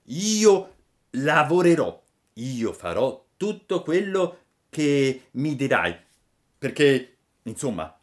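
A man reading a storybook, voicing a mischievous wooden puppet boy in a high, loud, excitable voice. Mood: excited.

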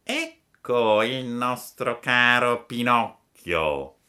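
A man voicing a sly, fawning fox swindler who speaks slowly in a drawn-out, mock-sorrowful way. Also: medium pitch, lively intonation, bright, forceful tone, clear, resonant tone, voice pushed up, full character voice.

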